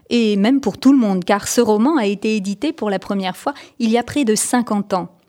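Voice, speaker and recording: A woman narrating a children's storybook, lively, raising her voice for the characters' lines. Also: on the high side. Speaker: audiobook reader.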